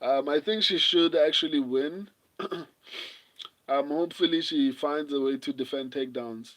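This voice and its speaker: A man, hosting a casual watch-along stream and reading viewer comments aloud in a relaxed, chuckling way. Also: fairly high pitch, moderate pace. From South Africa. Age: 30s. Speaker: livestream host.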